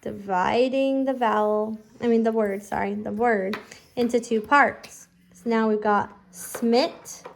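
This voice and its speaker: A woman teaching a phonics lesson casually, giving slow school dictation with repeated words and prompts for a child. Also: a little high, steady tone, creaky. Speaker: home phonics teacher, parent-style instructor.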